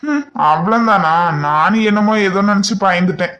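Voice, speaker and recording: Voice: mid-range voice, normal speed, highs cut off, natural voice. A voice actor playing a joking, curious young husband in a homemade cartoon who bickers with his wife. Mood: bantering. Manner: bantering, excitable. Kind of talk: amateur cartoon voice acting.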